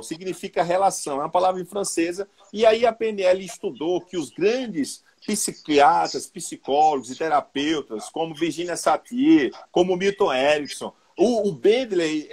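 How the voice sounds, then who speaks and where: Husky, high-voiced Brazilian sales trainer. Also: male voice. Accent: Brazilian Portuguese. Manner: colloquial, lively, addresses the audience directly. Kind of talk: live online sales talk.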